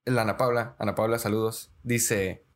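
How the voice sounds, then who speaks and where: A young man, a podcast co-host telling stories in slangy, animated casual chat. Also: fairly low pitch, normal speed. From Mexico. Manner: slangy, says "güey" constantly, animated storyteller.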